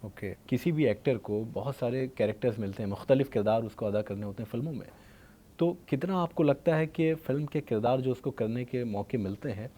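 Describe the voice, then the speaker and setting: A man's voice: medium pitch, a little fast, dark tone. A man hosting a podcast, asking formal interview questions in polished wording. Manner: formal questions in polished Hindi-Urdu, brief listening hums. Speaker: podcast host.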